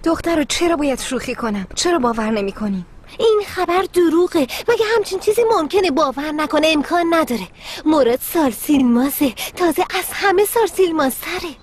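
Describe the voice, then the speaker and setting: A woman's voice: high-pitched, lively intonation. A young woman dubbing a grown daughter who talks back insistently and defends herself. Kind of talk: Persian dub of a TV series.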